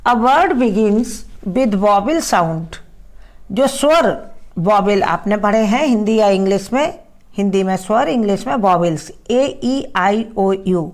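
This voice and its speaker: Slow, careful woman teaching grammar. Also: medium pitch, animated. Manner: slow, deliberate when reading English examples, quicker in Hindi explanation. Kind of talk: grammar lesson in Hindi and English.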